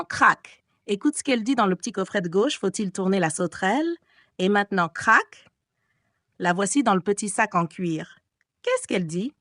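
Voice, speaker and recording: A woman's voice: mid-range voice, no echo, clean studio sound, natural voice. A woman doing a taunting masked male phantom. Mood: mocking. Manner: taunting, theatrical. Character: masked male phantom, menacing, mocking, cruel.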